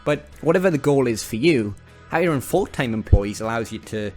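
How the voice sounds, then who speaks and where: Northeast English man, casual sales-pitch vlog delivery, faint music underneath. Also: animated, moderate pace, darkish tone. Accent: northern English, northeast England. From northeast England. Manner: chatty, upbeat, salesy, chuckling asides. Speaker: business owner giving advice. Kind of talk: casual direct-to-camera advice talk.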